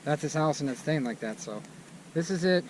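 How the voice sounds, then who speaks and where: A man casually narrating a vlog outdoors, excited and chatty as he walks around his cleared lot. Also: a little fast, poor audio. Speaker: vlogger. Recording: outdoor noise and vehicle rumble. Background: bulldozer engine.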